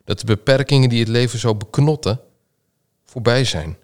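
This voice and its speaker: A man reading scripture and giving a sermon meditation in a slow, measured, solemn way. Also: medium pitch, a little mellow. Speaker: preacher.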